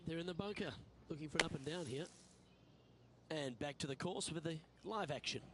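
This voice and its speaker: A man's voice: fairly high pitch, fairly quick. A man working as lead golf commentator, calling play-by-play for a video game broadcast. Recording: loud crowd and ambient noise behind. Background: golf crowd and outdoor ambience.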